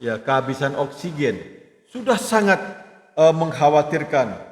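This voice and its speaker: A man's voice: fairly high pitch, sing-song, unhurried. A middle-aged man teaching hadith to a congregation, reading Arabic and explaining it phrase by phrase with frequent asides to listeners. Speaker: Islamic teacher. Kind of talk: religious study lecture. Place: mosque hall. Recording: echoey hall, long reverb.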